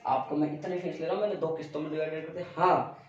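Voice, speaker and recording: A young male teacher lectures his students bluntly and earnestly, his voice pitched a little high. He stands well away from the microphone, and the room rings with heavy echo. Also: fairly even intonation, racing, slight background noise. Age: young adult. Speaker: coaching teacher. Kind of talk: classroom motivational talk. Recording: very echoey room, distant mic, dull sound.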